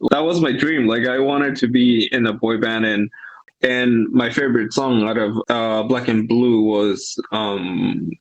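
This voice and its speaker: Musician, rambling. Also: male voice, medium pitch, fairly even intonation, measured pace, dull audio. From Peru. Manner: thoughtful, rambling with restarts. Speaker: musician guest. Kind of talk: casual interview chat.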